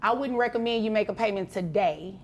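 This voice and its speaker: A woman's voice: medium pitch, a little fast, dull audio, a little hiss or hum. A woman presiding as a courtroom judge, speaking conversationally in a firm, plain-spoken way.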